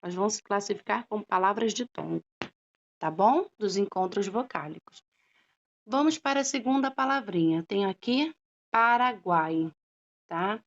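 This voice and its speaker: A woman's voice: mid-range voice, expressive, moderate pace. A woman teacher explaining a grammar lesson patiently, stretching out syllables and checking in often with her students. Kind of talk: slow classroom explanation. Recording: dull lo-fi recording.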